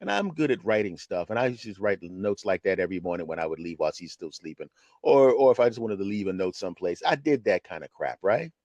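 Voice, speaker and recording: A man in his fifties, a retired comedian, telling a personal story on his podcast in an animated, conversational way. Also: deep voice, quick pace, dry recording, muffled recording. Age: 50s. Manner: animated, conversational, keeps asking "right?". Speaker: podcast host.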